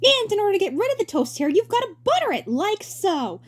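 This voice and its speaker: A woman voicing a dim, excitable younger-brother turtle in a cartoon story, with hammy, theatrical enthusiasm. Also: extremely high pitch, brisk, voice pushed up. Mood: showy presenter.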